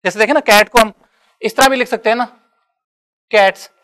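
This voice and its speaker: A man's voice: very high-pitched, fairly even intonation, fast, sharp tone. A man lecturing students in a classroom, conversational and often checking that they follow. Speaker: university lecturer.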